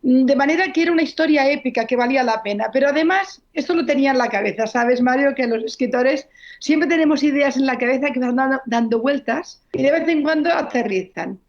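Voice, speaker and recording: A woman speaks in a slightly high voice, recounting history as an author in an interview. She talks fluently and earnestly, stopping now and then to correct herself. The recording is dull and lo-fi. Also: brisk. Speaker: novelist guest. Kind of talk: interview answers, storytelling.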